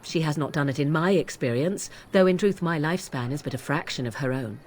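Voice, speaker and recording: A woman's voice: low-pitched, a little fast, a little mellow, a little hiss or hum, natural voice. An actress playing an aloof, sardonic young witch and shapechanger, speaking in haughty, formal, archaic phrasing in video game dialogue. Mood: lofty.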